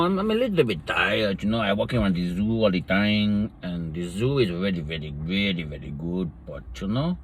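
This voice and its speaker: A man's voice: on the low side, slight background noise, rough recording. Man doing a drowsy Spanish-accented rambler. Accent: put-on Spanish. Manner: rambling, filler-heavy, lilting.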